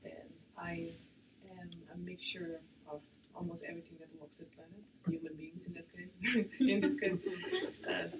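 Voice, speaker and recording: A panelist from the Netherlands speaking English in a reflective, quiet way that often trails off into near silence. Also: mid-range voice, fairly even intonation, moderate pace. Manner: quiet, trails off and drops in volume. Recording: distant mic with faint background noise.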